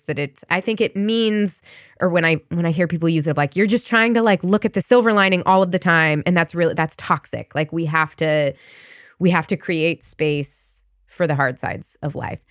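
A woman podcast host with a low-pitched voice asks long, curious questions, thinking aloud as she goes. The recording is dry and close to the mic. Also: moderate pace, smooth, no echo. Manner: curious, thoughtful, rambling questions. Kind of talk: interview conversation.

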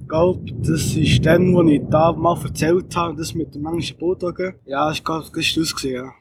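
A man's voice: on the high side, steady tone, brisk. A young man with a Swiss German accent chatting casually as an interview guest. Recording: distant mic with loud background noise.

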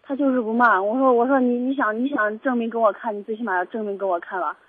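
A woman in her twenties calling into a radio advice show, talking in a hesitant, halting way. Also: on the high side, steady tone, breathy edge, no room sound. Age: 20s. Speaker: caller. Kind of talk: phone call to radio show. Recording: tinny phone line.

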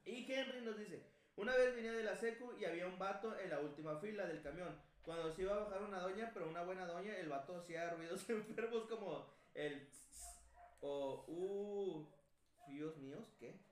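A man's voice: high-pitched, normal speed, distant mic, a little hiss or hum. A man with a Mexican accent co-hosting a casual podcast, joking around and reading listener messages aloud. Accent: Mexican Spanish. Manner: joking, slangy, laughs often. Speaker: podcast co-host. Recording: echoey room, a bit off-mic.

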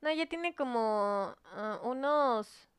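A woman's voice: a little high, slow pace, smooth, no echo, studio quality. A young woman with a Mexican accent, co-hosting a podcast in casual chat and telling stories full of slang and swearing. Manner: animated storyteller, peppers speech with slang and swearing. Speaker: podcast co-host.

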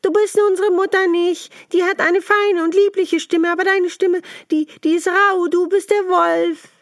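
Woman putting on tiny goat kids, way up high and squeaky, loud and close, dry sound. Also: fairly even intonation, normal speed, no room sound. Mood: pleading. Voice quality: high, squeaky childlike voices.

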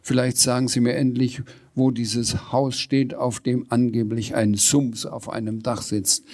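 A man voicing a laid-back, chatty male fire dispatcher who talks in an unhurried, drawling way in a storybook reading. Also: medium pitch, level tone, a little mellow, lightly acted.

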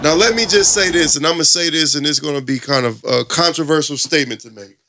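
A high, bright man with a gravelly edge holds forth in casual reaction-show commentary. He is animated and profane, acting out the people he quotes. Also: fast talker. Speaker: host.

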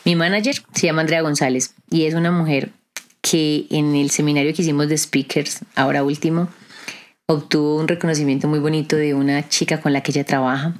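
Low-voiced woman podcasting. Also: a little mellow. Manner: conversational, preachy, asks listeners rhetorical questions. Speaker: podcast host. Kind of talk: reflective podcast monologue.

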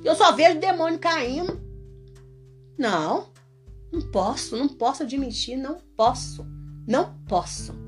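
A high-voiced woman with a mineiro accent preaches in a relaxed, conversational way. She is animated, breaks into laughter, and acts out little prayers. A faint guitar plays behind her. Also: a little slow, pauses often. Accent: Minas Gerais Portuguese. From Minas Gerais, Brazil. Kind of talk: casual testimony and preaching talk.

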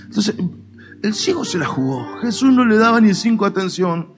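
A male pastor with an Argentine Spanish accent, preaching a lively, colloquial sermon with playful mock dialogues. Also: sits high, moderate pace, faint music behind. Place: church.

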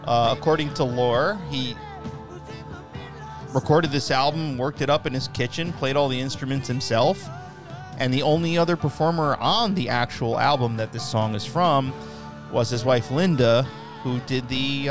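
Male podcast co-host, gravelly, easygoing banter, with music clearly audible underneath. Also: medium pitch, moderate pace. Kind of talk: casual chat. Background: recorded music.

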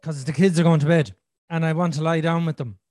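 A man's voice: on the high side, steady tone, fairly quick, a little mellow, no echo, clean studio sound. A man hosting a podcast in casual, candid conversation, with a blunt, sweary, joking manner. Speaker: podcast host.

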